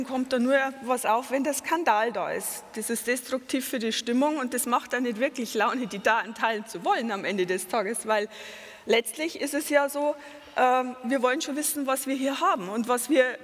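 A middle-aged woman from Lower Bavaria, Germany, with a Bavarian accent, gives a conference talk with slides as a patient advocate. Her fairly high voice is earnest and explanatory, often pausing on fillers and correcting herself mid-phrase, with a long hall reverb.

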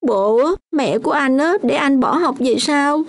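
A woman's voice: sits high, normal speed, vocal fry, a little hiss or hum. A woman voicing a young orphan girl in a radio drama, stubborn and hurt, with a sulky insistence.

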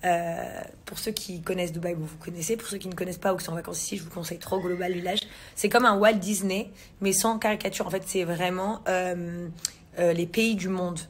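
Speaking a little fast with a steady tone and fairly low pitch, this English-born woman in her thirties vlogs to her followers from a spacious living room. The phone camera, held at arm's length, picks up a little hiss or hum, and her casual talk is loaded with slang, fillers and false starts.

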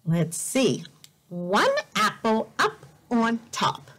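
Indoors in a room beside a bright window, a female teacher reads a picture book aloud to children, deliberately exaggerating and repeating words for learners. Her voice is fairly high with wide swings in pitch. It was captured on a device camera, and the background is noisy.

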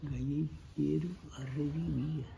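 A very old man in his eighties with a Brazilian accent, chatting casually in halting, repetitive, plain words as he recalls his life. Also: fairly high pitch, steady tone, mellow. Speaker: grandfather sharing life lessons. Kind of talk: casual reminiscing chat. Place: indoor kitchen-like room, seated at a table. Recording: clearly noisy room ambience.

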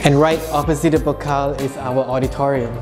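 A man's voice: medium pitch, fairly even intonation, normal speed. Guy doing a cheery scripted campus tour, playful, music under it. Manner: cheerful, welcoming, playful asides. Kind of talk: scripted walking tour narration. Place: large open-plan campus building indoors. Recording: music playing behind.

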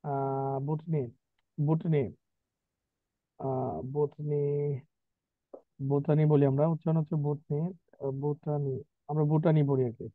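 Teacher over a tinny call. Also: male voice, on the high side, level tone, normal speed, no room sound. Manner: repetitive, drills spellings and pronunciation, chatty asides. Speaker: English teacher. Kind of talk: online vocabulary class. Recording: tinny dry online call.

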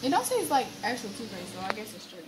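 A woman's voice: a little high, big pitch swings, fast. A woman chatting casually as a player in a family game. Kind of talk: casual chat. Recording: noisy handheld phone in kitchen.

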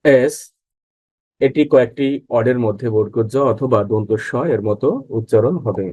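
A man teaching English pronunciation in a slow lesson. He reads example words one at a time and then explains how each sound is said. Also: medium pitch, warm tone, no room sound, poor audio.

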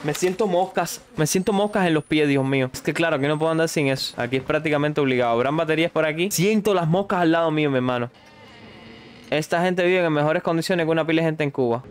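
A man's voice: a little high, fast talker, a little hiss or hum. A young man, commenting live on a horror game he is streaming, jumpy and panicky, shrieking when something scares him.

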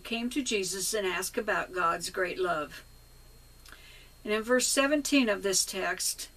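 Older female lay preacher, slow deliberate scripture reading, webcam in small home office, slightly distant. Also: mid-range voice, a bit bright. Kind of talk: sermon reading.

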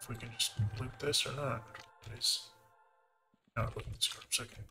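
A man's voice: medium pitch, steady tone, moderate pace, sharp tone, soft background music. A man with a Canadian accent giving easygoing live commentary while he plays a game and thinks aloud. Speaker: game streamer.

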